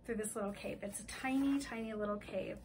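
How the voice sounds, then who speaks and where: A woman co-hosting a podcast, chatting casually and retelling a story with lively bursts of character voices. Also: mid-range voice, a little hiss or hum, poor audio. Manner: animated storytelling, slipping into quick voices for the characters. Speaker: podcast co-host. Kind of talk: casual book-club chat.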